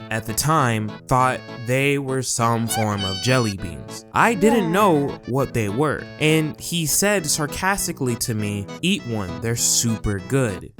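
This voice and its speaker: A man hosting a casual video essay, talking in a chatty, jokey, self-aware way. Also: medium pitch.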